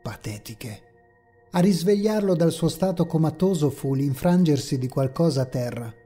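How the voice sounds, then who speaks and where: Over faint, dark ambient music, a man tells a horror story in a measured, ominous, expressive way. His husky, mellow voice sits a little high for a man.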